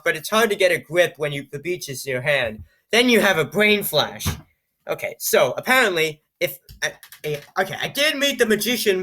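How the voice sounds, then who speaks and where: A man reads a strange computer-written story aloud in a high, bright voice, tripping over odd phrases. He breaks off again and again for sarcastic, amused comments on the text. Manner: sarcastic, amused, stumbles over words while reading. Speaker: channel host reading an AI-written story. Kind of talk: reading aloud with joking asides.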